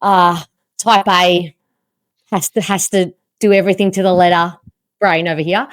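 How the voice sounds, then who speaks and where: An Australian woman hosting a podcast, telling a story in an animated, self-mocking way. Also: on the low side, normal speed, no echo, clean studio sound. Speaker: podcast host. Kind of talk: casual chat, storytelling.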